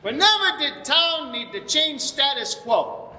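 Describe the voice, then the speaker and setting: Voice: high voice, big pitch swings, measured pace, bright, forceful tone, heavily acted. A performer voicing a boastful old Italian man with princely ambitions, grand and declamatory in comic stage verse. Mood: proud, hopeful. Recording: echoing hall, faint noise.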